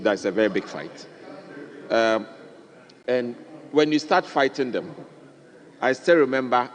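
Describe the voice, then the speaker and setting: A man's voice: lowish voice, a little mellow. A man with a Ghanaian accent giving an insistent parliamentary debate speech as a member. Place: large parliament chamber. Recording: echoing chamber with long reverb.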